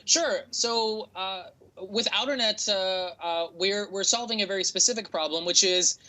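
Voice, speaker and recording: A man's voice: sits high, measured pace, pushed and bright, low-quality recording. A man with a standard American accent explaining things as an interview guest, often hesitating and repeating words as he thinks. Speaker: interview guest, tech entrepreneur.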